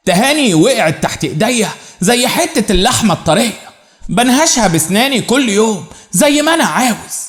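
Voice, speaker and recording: A man with an Egyptian accent narrating a dramatic first-person story, expressive and lingering on repeated phrases. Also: high voice, fairly quick, roomy sound. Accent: Egyptian Arabic.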